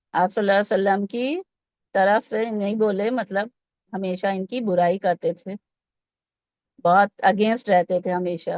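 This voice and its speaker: A woman's voice: medium pitch, a little mellow, dry recording. Woman teacher, patient and step-by-step, coaching kids through recitation with English words mixed in; dry, dull lo-fi recording. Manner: patient step-by-step explaining, asking the children questions. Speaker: Quran teacher for children. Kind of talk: tajweed lesson with slow recitation.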